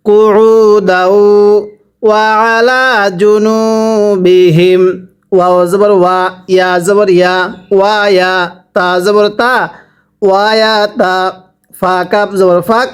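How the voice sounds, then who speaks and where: A man with a Bangladeshi Bengali accent teaching a Quran lesson, spelling out syllables and then chanting drawn-out recitation. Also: sits high, steady tone, clean tone.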